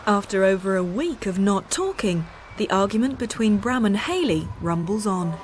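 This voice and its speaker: A woman narrating a documentary series in an even, informative, scripted way. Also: medium pitch, normal speed, a little hiss or hum. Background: music.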